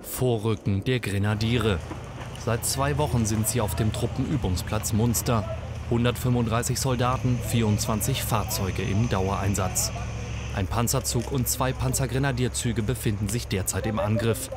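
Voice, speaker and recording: A man's voice: on the low side, normal speed. A man reading scripted narration for a military documentary. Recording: voice-over with loud music bed.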